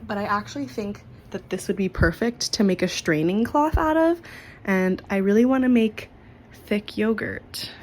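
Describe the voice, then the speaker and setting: A young woman talks casually through a sewing tutorial at home, in a mid-pitched voice. She is chatty and jokes at her own expense as she works. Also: lively intonation, normal speed, a little mellow. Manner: chatty, self-deprecating. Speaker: crafting vlogger.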